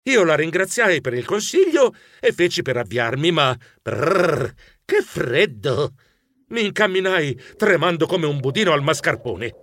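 A man narrating a children's story in a theatrical, comic way. His voice sits fairly high and leaps all over the place, full of exclamations. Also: big pitch swings, moderate pace, few pauses, fairly bright tone, no room sound, studio quality. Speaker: audiobook narrator. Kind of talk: scripted first-person narration.

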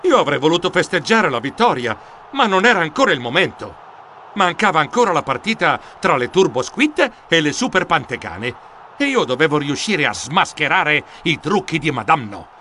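A man narrating a children's storybook in a lively, expressive manner. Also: on the high side, slight background noise. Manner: expressive, animated. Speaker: audiobook narrator.

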